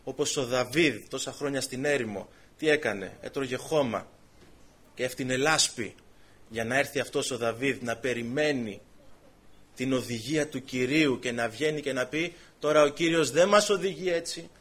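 A man preaching a sermon, retelling conversations and scripture in dramatic storytelling, swinging from soft to loud. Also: medium pitch, husky.

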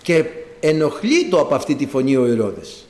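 Animated preaching man, echoey church. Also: mid-range voice. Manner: animated preaching, acts out quoted voices, rising to emphatic peaks. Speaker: priest. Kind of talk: sermon.

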